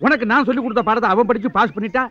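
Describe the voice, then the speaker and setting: A man's voice: very high voice, fairly even intonation, very fast. An actor playing a crafty, meddling father who mocks his son. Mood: mocking. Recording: dull film soundtrack with music.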